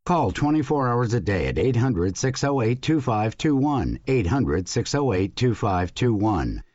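Guy doing a radio commercial, super animated emphatic sales pitch, bit muffled. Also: unhurried, no room sound. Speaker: advertisement announcer.

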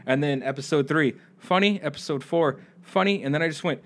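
A young man giving his opinion in a casual podcast chat, his voice fairly high for a man. He rambles, restarts his sentences and repeats words as he goes. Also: a little fast. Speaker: podcast co-host.

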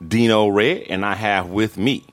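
A man's voice: lowish voice, measured pace. A man hosting a podcast in casual, informal, rambling chat. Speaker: podcast host.

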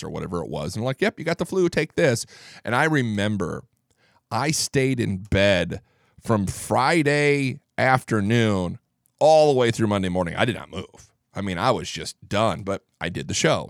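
A low-pitched middle-aged man hosts a studio political talk show, captured on a studio microphone with no room sound. Under the weather and low in energy, he rambles and stammers through restarts, his strong voice going gravelly from tiredness.

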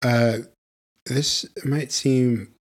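A man's voice: medium pitch, steady tone, drawn-out words. A man hosting a podcast in a playful, jokey way and often laughing. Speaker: podcast host. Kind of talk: casual podcast chat.

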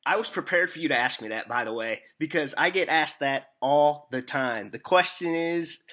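A man's voice: fairly high pitch, normal speed, pushed and bright. A man from Missouri with a Southern-sounding hillbilly twang, chatting casually and folksily as an interview host. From Missouri, United States. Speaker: podcast host interviewing a guest.

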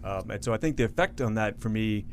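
A man's voice: lowish voice, animated, fast talker, slight background noise. A man being interviewed as a guest on a radio show, talking at length in an earnest, self-correcting way. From Florida, United States. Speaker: guest, association CEO.

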